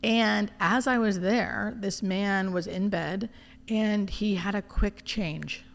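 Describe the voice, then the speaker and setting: A woman's voice: mid-range voice, slow, gravelly, in a large hall. A woman speaking as a hospice nurse being interviewed, telling stories candidly and informally and often acting out bits of dialogue. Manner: informal, expressive, often quoting imagined dialogue. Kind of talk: candid conversational storytelling.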